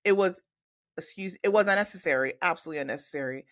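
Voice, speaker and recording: A woman co-hosting a podcast in casual chat, talking in an animated way with big swings. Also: fairly low pitch, rapid-fire. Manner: animated, mimics people with big laughing swings. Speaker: podcast co-host.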